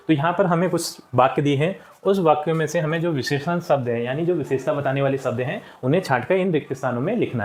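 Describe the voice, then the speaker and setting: Male teacher, slightly higher voice, patient and repetitive, talking young pupils through exercises. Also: a little mellow. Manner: patient, repeats answers and checks with "ठीक". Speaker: school teacher. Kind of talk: explaining a textbook lesson to children.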